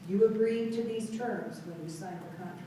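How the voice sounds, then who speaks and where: A woman's voice: fairly high pitch, moderate pace, dark tone, slight background noise, lightly acted. A woman voicing a stern male doctor with a heavy Russian accent, read aloud in an echoey room from a distant mic. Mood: cold.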